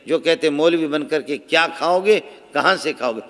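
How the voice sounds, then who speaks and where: High-voiced preacher in a reverberant hall. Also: male voice. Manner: storytelling, impassioned, shifting between soft asides and raised emphasis. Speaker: religious speaker. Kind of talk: sermon. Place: large conference hall.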